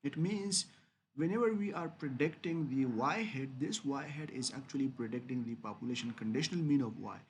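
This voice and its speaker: A man's voice: medium pitch, fairly quick, a little hiss or hum. A man lecturing business students on regression, often repeating "dear students" and "okay?" and stressing key terms as he explains. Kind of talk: recorded lecture with screen demo.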